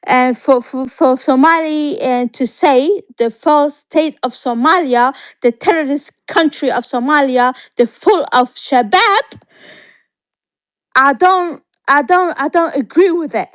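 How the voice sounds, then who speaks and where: A woman arguing in an online debate over a poor connection, halting with many fillers. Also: high-pitched, no room sound. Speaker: debate participant. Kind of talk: impassioned debate argument.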